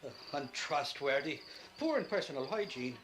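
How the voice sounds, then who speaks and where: A man's voice: medium pitch, lively intonation, moderate pace, close to an everyday voice. An actor playing a shifty, boastful drunken Irishman with an Irish accent, rambling and wheedling. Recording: noisy game audio.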